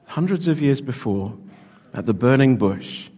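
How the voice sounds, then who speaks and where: A middle-aged man preaching an interactive sermon as pastor, lively and joking as he draws in the congregation. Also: medium pitch, a little slow. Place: large church with long reverb. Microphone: handheld microphone. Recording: echoey church hall reverb.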